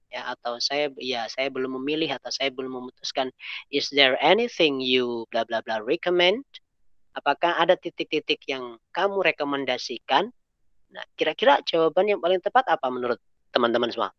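A man's voice: medium pitch, no echo. A male English teacher leading an online class, mixing English into his explanations and encouraging students. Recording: dull lo-fi online call audio.

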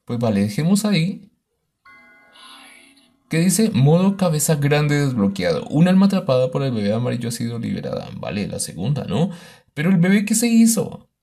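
A man's voice: fairly high pitch, sing-song, normal speed, vocal fry, dark tone, soft background music. A man doing let's play commentary of a horror game, exclaiming and talking to the baby on screen. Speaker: gaming YouTuber.

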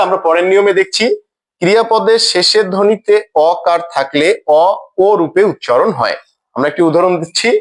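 High-voiced man teaching a slow grammar lesson. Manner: slow, deliberate, repeats each example word twice.

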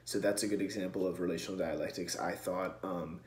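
A young man giving an earnest class presentation, speaking close to a camera in a small room and filling pauses with many ums. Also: sits low, steady tone, echoey room. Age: young adult. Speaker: student presenter. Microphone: camera close in front.

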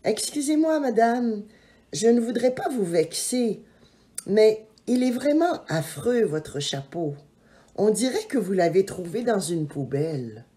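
A woman's voice: mid-range voice, very animated, measured pace, dark tone, pitched above the performer's own voice. A woman voicing a stubborn little girl who speaks in an insistent, defiant way in a storybook reading. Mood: cheeky.

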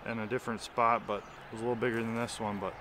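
A man's voice: medium pitch, flat delivery, rapid-fire, background noise. A man in his thirties casually talking to the camera while fishing on a small river, enthusiastic and explaining as he goes. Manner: enthusiastic, chatty, explains as he fishes. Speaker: fishing vlogger. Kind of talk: casual outdoor vlog. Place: outdoors on a small river bank and in a canoe.

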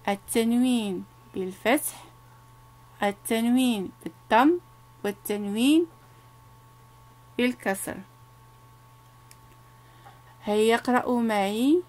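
A woman teaching young children to read, sounding out syllables slowly and coaxing them to repeat after her. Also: on the high side. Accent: Moroccan. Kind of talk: reading lesson for young children.

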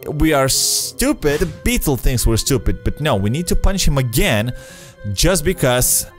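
A man's voice: fairly high pitch, sing-song, measured pace. Young man commentating over game music. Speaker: video game let's player. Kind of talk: casual gameplay commentary, reading game dialogue aloud. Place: small indoor room. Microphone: close desk microphone with headset.

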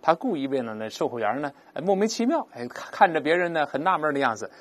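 Male English teacher, animated and fairly high-pitched, walks through grammar patiently. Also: fast. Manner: explains grammar step by step, has students read aloud. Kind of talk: recorded language lesson.

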